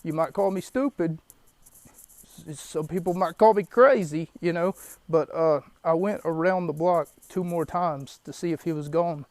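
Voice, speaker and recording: Shook-up guy rambling thru his podcast in a parked car, kinda high voice, dry close sound. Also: moderate pace, a little mellow, no room sound. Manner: rambling, shaken, many fillers. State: shaken, catching his breath. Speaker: podcast host. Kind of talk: solo podcast, wrestling recap. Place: parked car in an empty lot.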